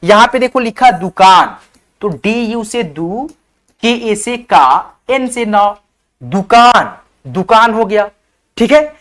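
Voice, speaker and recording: An online teacher with a high, slightly bright voice gives a beginners' spelling lesson, sounding out words letter by letter. He often checks in with "theek hai," calls viewers his friends, and asks them to comment.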